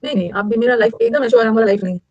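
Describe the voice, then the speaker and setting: A middle-aged woman, teaching vocabulary in a lecture and drilling words with quick repetition and questions to her students. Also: a little high, no echo, lo-fi sound.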